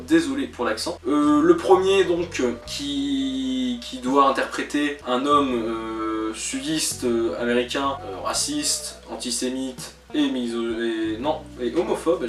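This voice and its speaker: A man's voice: medium pitch, distant mic. A man giving a casual spoken film review as a channel host, full of "euh" fillers, restarts and joking asides. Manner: hesitant, many "euh" fillers and self-corrections. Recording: roomy echo, voice a bit off-mic, faint music behind.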